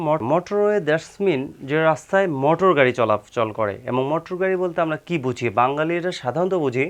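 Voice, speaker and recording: A man explaining vocabulary as a teacher, repeating words and leaning on the filler "হচ্ছে". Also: fairly high pitch. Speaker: English teacher.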